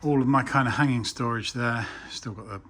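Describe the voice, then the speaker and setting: A man's voice: mid-range voice, fairly quick, a bit bright, slight background noise. A man talking casually to camera as a DIY vlogger, chatty and self-deprecating.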